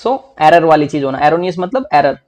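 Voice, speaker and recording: A young man teaching English vocabulary for exams in a lively, chatty way, often calling his listeners "bhai". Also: on the high side, moderate pace. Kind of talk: exam-prep vocabulary lesson.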